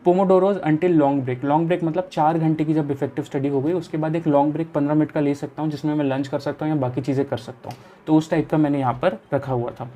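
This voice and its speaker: A young man from India talks through his study routine in a casual vlog. His voice is mellow and soft-edged, and his manner is easygoing and explanatory. He speaks straight to the viewer. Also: a little high, fairly even intonation, quick pace. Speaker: chartered accountancy student and study vlogger.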